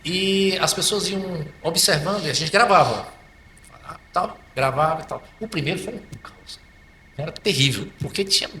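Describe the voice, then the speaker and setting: Animated Brazilian man, bright voice. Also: a little high. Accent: Brazilian Portuguese. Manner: animated, repeats and restarts words. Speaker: psychologist guest. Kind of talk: conversational explanation. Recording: faint background noise.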